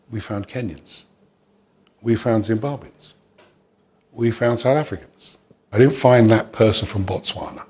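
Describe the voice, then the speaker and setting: A man's voice: mid-range voice, darkish tone. Gambian-born male speaker, emphatic and punchy, mid-range voice, interview answers. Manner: emphatic, builds points in rhythmic repeated lists. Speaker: leadership speaker.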